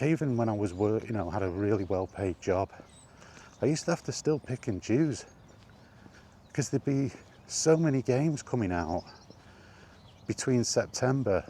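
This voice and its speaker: Here the same kind of gaming vlogger sounds lower and a bit slow, with a dark tone and a little background noise. He talks off the cuff, venting in an emphatic, exasperated way and firing off rhetorical questions.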